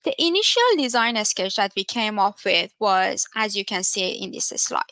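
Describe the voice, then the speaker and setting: Presenting from home over video call, an Iranian research scientist delivers an earnest technical talk at a virtual developer conference, using many fillers. She has an Iranian accent and a medium-pitched, expressive, pushed and bright voice at a moderate pace, recorded dry.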